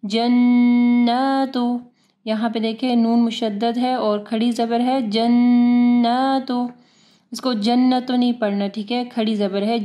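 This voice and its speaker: A woman teaching Quran recitation rules, explaining each point patiently and stretching out the verses slowly. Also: on the high side, warm tone. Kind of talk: recitation lesson.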